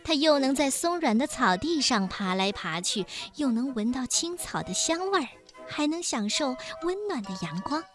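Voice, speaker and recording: Expressive woman reading a children's story. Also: high-pitched, moderate pace, over music.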